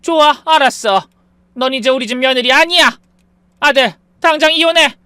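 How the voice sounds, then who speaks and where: A woman's voice: high-pitched, moderate pace, sharp tone, no room sound, pitched above the performer's own voice. A woman voicing a domineering older mother-in-law who talks with scorn and scolds. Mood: scornful. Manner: scolding, contemptuous.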